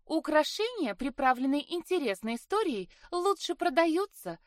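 A woman's voice: sits high, big pitch swings, moderate pace, no echo, clean studio sound, pitched above the performer's own voice. Woman voicing a cheeky young mermaid sister. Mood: lively. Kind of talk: audiobook character voice.

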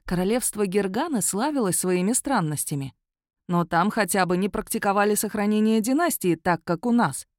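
A woman reading a first-person fantasy story aloud with a wry, lively storytelling manner. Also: medium pitch, normal speed, dry recording, clean studio sound. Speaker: narrator. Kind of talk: first-person audiobook narration.

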